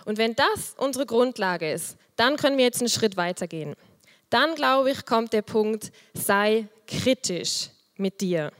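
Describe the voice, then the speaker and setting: Soft-voiced woman preaching in a hall. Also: a little high, unhurried. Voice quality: soft, quiet voice. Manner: lively, personal, with small laughs. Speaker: youth group leader giving a talk. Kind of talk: sermon. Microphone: handheld microphone.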